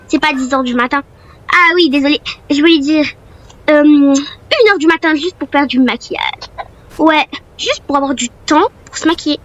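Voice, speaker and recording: A woman's voice: high-pitched, fairly bright tone, poor audio. A woman voicing a friendly, girlish young K-pop trainee chatting casually in a role-play story.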